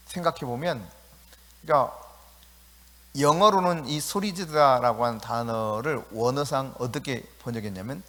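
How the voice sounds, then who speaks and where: A male pastor delivering an evening sermon with emphasis and dramatic flair. His voice sits a touch high for a man. The long reverb of the church sanctuary trails behind every phrase. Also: a bit bright. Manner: emphatic, acts out scripture quotes. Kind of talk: sermon at an evening prayer meeting.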